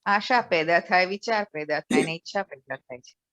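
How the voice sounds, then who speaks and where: A woman's voice: on the low side, moderate pace, fairly bright tone, no room sound. A woman taking part in an online group discussion, thoughtfully explaining her answers at length over a video call. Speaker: session participant. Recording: dull lo-fi call audio.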